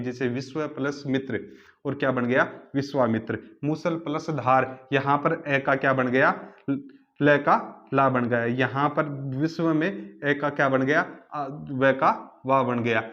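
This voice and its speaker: A man's voice: medium pitch, a bit bright, highs cut off. Man teaching grammar step by step. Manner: asks the class rhetorical questions then answers; spells words out slowly, part by part. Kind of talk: online grammar lesson.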